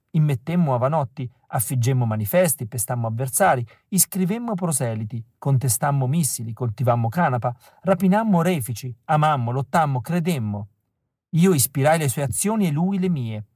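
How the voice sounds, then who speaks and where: A man reading a first-person novel aloud as an audiobook, telling it in a wry, expressive way that keeps dropping to a flat, quiet tone. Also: medium pitch, dry recording, studio quality. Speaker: audiobook reader. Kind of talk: first-person literary narration.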